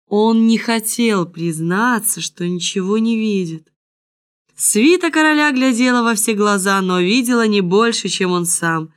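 A woman reading a fairy tale aloud in an expressive, measured storytelling manner. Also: mid-range voice, clean tone.

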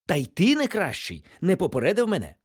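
A man doing a flustered gentleman bear. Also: high-pitched, wildly swooping pitch, fairly quick, breathy edge, no room sound, clean studio sound, pitched above the performer's own voice, heavily acted. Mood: rueful. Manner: polite, fussy, easily embarrassed. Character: kindly scholarly male bear, gentlemanly and flustered. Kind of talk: storybook character voice.

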